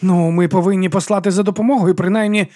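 Male reader doing fretful monk, shrill, indignant, high, dry studio. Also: steady tone, fast talker, dark tone, no echo, lightly acted. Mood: exasperated. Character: panicky exasperated male monk, whiny.

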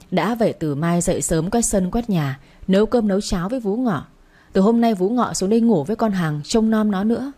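A woman's voice: mid-range voice, mellow, lightly acted. A woman voicing a stern, scolding older mistress of a household. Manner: scolding and commanding. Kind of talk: storybook character voice.

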